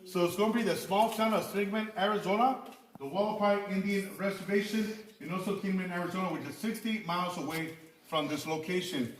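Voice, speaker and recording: A man working as a cave tour guide, talking to visitors in a halting way with repeated words. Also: high voice. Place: underground cavern. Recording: echoing cave, distant mic, faint noise.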